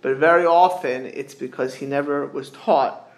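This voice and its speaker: A middle-aged man with gives an informal religious sermon, haltingly repeating phrases and posing rhetorical questions. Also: mid-range voice. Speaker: rabbi giving a religious class. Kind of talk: informal sermon, explaining texts with anecdotes. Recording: echoey room.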